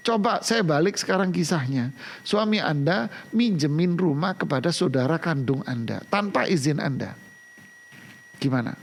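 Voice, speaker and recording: Gravelly male preacher answering viewer questions live, swoops up and down, scolds and keeps asking rhetorical questions. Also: a little high, expressive, moderate pace. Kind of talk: live religious Q&A lesson.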